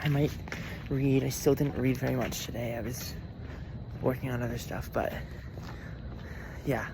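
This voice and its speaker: Casual student vlogger, twenties, chatty and laughing, slight fry, traffic noise around. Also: mid-range voice, fairly even intonation, moderate pace. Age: 20s. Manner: rambling, chatty, laughs often. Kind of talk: casual vlog chat. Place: walking outdoors around campus.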